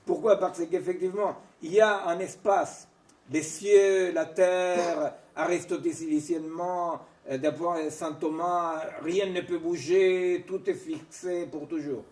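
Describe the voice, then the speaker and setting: A man's voice: high voice, fairly even intonation, measured pace, a little mellow. A man giving an informal academic seminar lecture. He wanders between points, stops often with hesitations and restarts, and keeps checking in with his listeners. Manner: digressive, keeps checking in with "vous voyez", "non?", "hein". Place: seminar room. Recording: echoey room, mic far from speaker.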